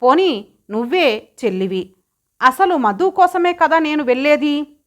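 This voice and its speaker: A woman's voice: sits high, lively intonation, measured pace, voice pushed up. A woman voicing a mischievous young husband in light, bantering speech, barely changing her own voice. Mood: teasing.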